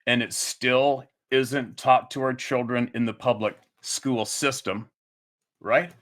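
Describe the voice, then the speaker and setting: A man's voice: medium pitch, steady tone, slow pace, fairly bright tone. A man giving a heated, profane monologue to his audience, growing angrier as he goes and often restarting his sentences. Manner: angry, profane, emphatic ranting; repeats himself and restarts mid-sentence.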